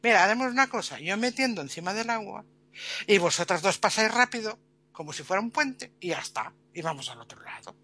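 A woman's voice: medium pitch, expressive, brisk, bright, forceful tone, slightly rough, heavily acted. Woman voicing a helpful piece of straw. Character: helpful sensible straw that can swim.

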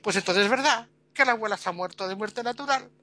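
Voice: mid-range voice, fast, bright, forceful tone, pitched above the performer's own voice, lightly acted. A storyteller voicing a sweet, eager young fiancée. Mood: cheerful.

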